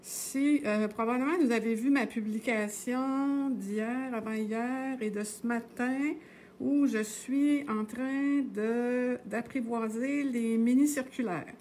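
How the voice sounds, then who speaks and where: A woman's voice: on the high side, steady tone, slow pace, darkish tone, slight background noise. A middle-aged woman with a Québécois French accent, casually teaching knitting on a live stream. She talks in a chatty, meandering way, full of hesitations and tag words.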